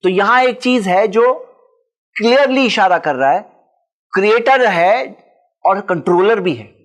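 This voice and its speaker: A man's voice: high-pitched, animated, measured pace. A man giving a religious talk and answering audience questions, explaining his points through lists of examples.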